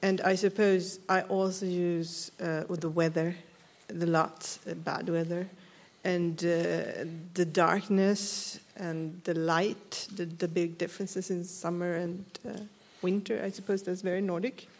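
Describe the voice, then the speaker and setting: Woman, author on a panel, thoughtful, halting, lower voice. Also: flat delivery, a little mellow. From Sweden. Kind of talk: panel discussion.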